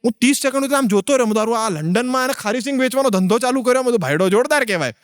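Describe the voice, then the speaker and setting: A man's voice: very high-pitched, lively intonation, racing, no room sound, studio quality. A man telling comic stories on stage, acting out the people in them in dialogue. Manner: storytelling with acted-out dialogue. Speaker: stand-up comedian. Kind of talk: Gujarati joke telling.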